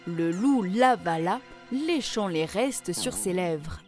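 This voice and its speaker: A woman narrating a children's fairy tale in a clear, measured way. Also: on the low side, animated, a little mellow, soft background music.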